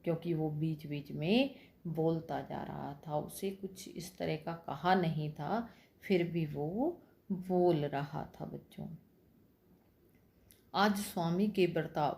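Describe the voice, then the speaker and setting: A woman's voice: sits low, vocal fry, darkish tone. A woman school teacher explaining a story lesson, who keeps speaking to the children and answering her own questions.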